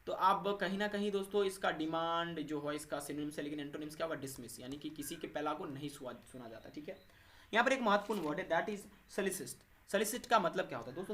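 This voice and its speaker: A man's voice: a little high, fairly bright tone. A man teaching English vocabulary for exams, asking and answering his own questions and checking in with the viewers after every point. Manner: repeats 'thik hai' and 'doston' after each point, asks and answers his own questions. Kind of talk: exam-prep vocabulary lesson.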